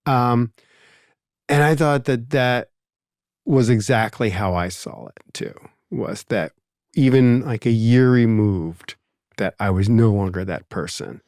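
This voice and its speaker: A Philadelphia-accented man hosting a podcast, thinking out loud in long, looping sentences full of asides. His voice sits at an ordinary middle pitch. The sound is close and dry, with no room echo. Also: takes it slowly. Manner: reflective, rambling, many asides and fillers. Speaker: podcast host. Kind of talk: casual conversation.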